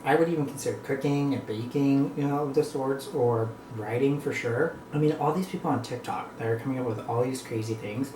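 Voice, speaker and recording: The medium-pitched voice belongs to a North American vlogger who speaks a little fast with few pauses. Between bites, they ramble casually and reflectively to viewers, and the echoey room carries clear background noise.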